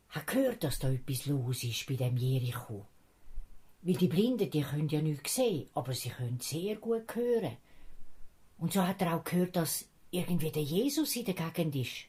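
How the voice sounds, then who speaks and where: A woman's voice: low voice, normal speed, breathy edge. A woman with a Swiss German accent telling a Bible story to children, acting out the characters' voices. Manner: lively, acts out the characters' voices.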